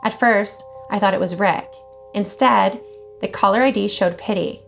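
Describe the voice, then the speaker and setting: Expressive woman reading horror stories. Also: mid-range voice, moderate pace, vocal fry, faint music behind. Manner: expressive, casual swearing. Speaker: horror story channel host. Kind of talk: reading scary stories aloud.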